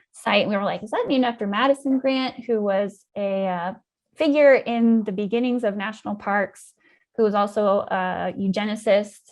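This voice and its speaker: A woman talks as an interview guest, telling her story with plenty of ums and you-knows. Her voice sits at an ordinary middle pitch and picks up energy at the key moments. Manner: thoughtful, many ums and you-knows, animated when recounting. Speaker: guest scientist.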